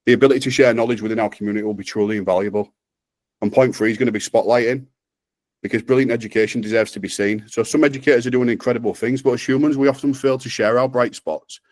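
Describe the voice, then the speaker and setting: A man with a northern English accent giving an upbeat, rehearsed, persuasive pitch on a video call. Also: fairly even intonation, fast, a little mellow, no echo. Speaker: presenter.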